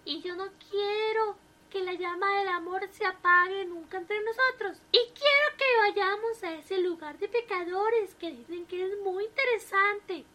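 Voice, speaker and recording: A woman voicing a shrill, excitable older wife in a comic story. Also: measured pace, full character voice. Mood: sweet, loving. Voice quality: high-pitched, shrill.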